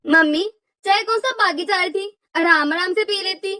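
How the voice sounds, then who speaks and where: Weary young daughter-in-law, cartoon, very high bright voice, a bit off-mic. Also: female voice, moderate pace, no echo, recorded from a distance. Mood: pleading. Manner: pleading, exasperated explaining. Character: put-upon young daughter-in-law, reasoning and tired. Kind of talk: cartoon voice acting.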